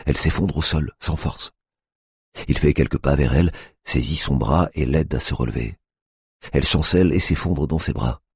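A man narrating an audiobook in a measured, grave manner. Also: a bass voice, gravelly, husky, dry recording, clean studio sound. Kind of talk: scripted narration.

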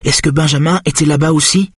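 A man's voice: on the high side, steady tone, fairly quick, husky, no echo, studio quality, pitched above the performer's own voice. A man voicing an anxious middle-aged mother who urgently pleads with a patient at a bedside, in an audiobook. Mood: urgent pleading.

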